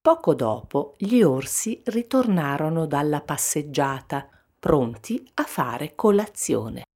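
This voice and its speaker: A woman reads a children's fairy tale aloud at a very slow, deliberate pace. Her voice is rather low but moves through a wide, lively melody. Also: slightly rough, faint music behind. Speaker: storyteller. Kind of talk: children's storybook narration.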